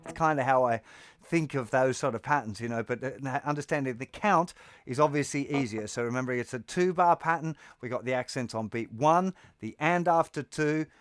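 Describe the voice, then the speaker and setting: A man giving a guitar lesson, explaining in a relaxed way and counting beats aloud. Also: medium pitch, fairly quick, dry recording, clean studio sound. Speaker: guitar teacher. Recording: loud guitar under the voice. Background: loud guitar playing.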